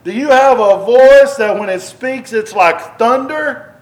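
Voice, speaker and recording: A very high-pitched man preaches a little slowly into a microphone in a church building, teaching from the Bible in a conversational way. He often restarts and repeats phrases, pushing questions at the congregation with mounting emphasis. The recording is of poor quality.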